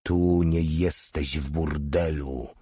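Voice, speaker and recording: A man's voice: a bass voice, steady tone, slow pace, warm tone, breathy edge, no room sound, clean studio sound, exaggerated voice. A man voicing a stern, hard-voiced male legionnaire soldier in an audiobook reading, harsh and commanding. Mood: scolding.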